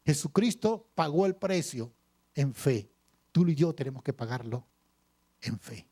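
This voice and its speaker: A male pastor preaching a sermon, reading scripture aloud and pausing for emphasis with repeated phrases. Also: a little high, animated, darkish tone. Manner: preaching with dramatic pauses and repetition.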